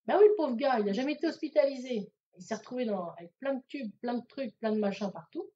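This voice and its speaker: A woman giving a public talk as a medium, telling a personal story in a chatty, animated way with many fillers and acted-out dialogue. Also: on the high side, fast talker. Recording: dull lo-fi audio recording.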